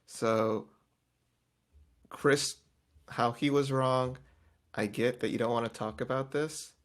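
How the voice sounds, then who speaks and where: Animated man co-hosting a podcast chat. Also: mid-range voice, takes it slowly. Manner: animated, acts out quotes in voices. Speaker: podcast co-host. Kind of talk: casual chat recapping a reality show.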